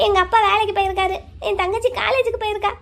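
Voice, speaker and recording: Young pregnant cartoon wife, earnest and pleading, very high voice, done by a woman. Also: fairly even intonation, rapid-fire, a bit bright. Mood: anxious. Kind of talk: cartoon voice acting.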